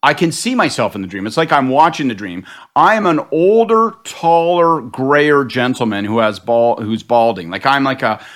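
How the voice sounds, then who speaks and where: A middle-aged man from Canada, a political panelist telling a story in casual chat, animated, self-deprecating and swearing freely. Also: mid-range voice, normal speed. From Canada (Prince Edward County, Ontario).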